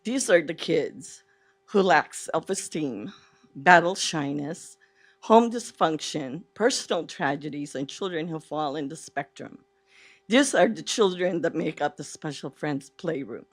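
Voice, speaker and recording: A nervous woman giving public comment, speaking earnestly and haltingly with a mouth half numb from the dentist. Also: low voice, animated. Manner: halting, earnest, with pauses mid-phrase. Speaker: public speaker at a school board meeting.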